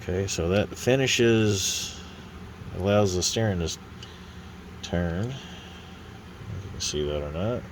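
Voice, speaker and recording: A model-building vlogger with a very low voice and a nose stuffed up from a sinus infection rambles through casual, hands-on build commentary. He talks slowly and relaxedly, with long pauses, frequent "uh"s and restarts. A phone on a holder arm records him, and a faint hum sits in the background.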